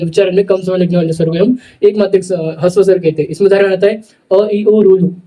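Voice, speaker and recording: High-voiced male teacher dictating notes. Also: warm tone, recorded from a distance, low-quality recording. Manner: repeats phrases word by word for writing. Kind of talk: dictating a lecture slowly for notes.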